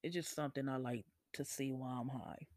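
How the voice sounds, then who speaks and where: A man hosting a podcast, chatting casually and laid-back, swearing freely and laughing often, with a gravelly, husky voice. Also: medium pitch, fairly even intonation, a little fast, no echo. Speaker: podcast host. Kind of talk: casual solo chat.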